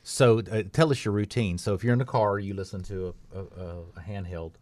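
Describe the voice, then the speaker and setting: A man with a low voice hosts a casual interview. His questions wander, and he trips over fillers and restarts before he gets to the point. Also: steady tone, fairly quick, darkish tone, no echo. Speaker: host. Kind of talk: conversational interview.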